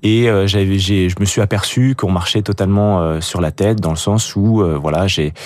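Deep-voiced young man, halting and dry. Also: darkish tone, no echo. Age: young adult. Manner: hesitant, many fillers and restarts. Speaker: guest, jeans brand founder. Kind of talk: radio interview.

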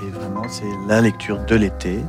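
A man's voice: fairly low pitch, level tone, moderate pace, music in the background. A male radio host interviewing a guest in an easygoing, joking way, with hesitant fillers.

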